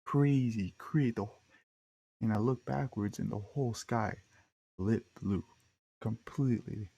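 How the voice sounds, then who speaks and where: A young man on a podcast, talking in a loose, rambling way, full of slang and fillers. His voice sits fairly low, with a gravelly edge and a dark, mellow tone. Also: a little slow. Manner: rambling, slangy, laid-back with frequent fillers. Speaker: podcast host. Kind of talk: casual storytelling monologue.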